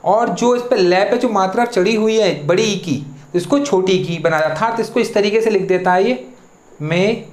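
A teacher runs an exam-prep spelling lesson at a middle pitch. The teacher poses questions and answers each one, breaking words into syllables. The voice rings in a roomy, echoing space. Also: moderate pace, a little mellow. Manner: rhetorical questions, then the answer. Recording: echoey room.

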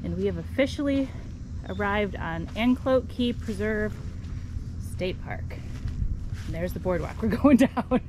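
A woman's voice: mid-range voice, animated, measured pace, pauses often, darkish tone. Chatty woman vlogging outdoors. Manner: chatty, laughs often. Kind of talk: casual travel vlog chat. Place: outdoors on an island beach and boat. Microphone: action camera held at arm's length. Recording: outdoor wind and water noise.

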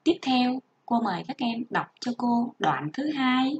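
A woman teaching a first-grade reading lesson online, reading slowly and spelling out each sound for young children. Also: on the high side, big pitch swings. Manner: slow, careful, drawn-out model reading and spelling out sounds. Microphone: home recording for an online class. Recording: dull lo-fi sound.

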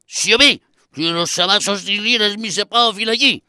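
A man's voice: sits high, pushed and bright, smooth, dry recording, clean studio sound. A man voicing a stern, bossy male official in a traditional shadow-puppet play, scolding and handing out orders. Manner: scolding, commanding.

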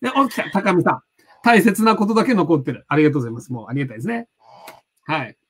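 A man's voice: fairly high pitch, lively intonation, very fast, a bit bright, husky. A man with a Tsugaru dialect accent, hosting a casual live-stream chat as a lecturer, rambling and hunting for words with lots of fillers. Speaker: host, personality psychology lecturer.

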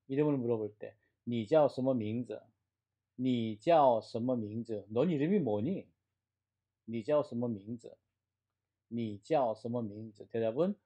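A man's voice: medium pitch, warm tone, breathy edge. A man teaching a beginner Chinese class, explaining tones and drilling syllables aloud for students to repeat. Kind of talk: classroom lecture.

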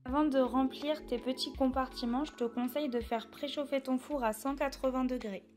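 Young woman, high bright voice, chatty recipe voice-over, soft music underneath. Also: steady tone, normal speed. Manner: chatty, addresses the viewer directly. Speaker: cooking vlogger. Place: home kitchen.

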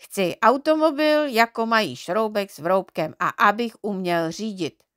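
A woman voicing a boastful, careless little boy mite from a storybook, raising her voice into a cocky, excitable tone. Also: mid-range voice, dry recording, clean studio sound, lightly acted. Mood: excited.

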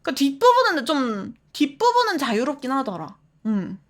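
활기찬 높은 목소리의 여성 스트리머. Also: female voice, high voice, moderate pace. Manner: animated, laughs often, reads chat aloud. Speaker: streamer. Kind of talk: casual live-stream chat with viewers.

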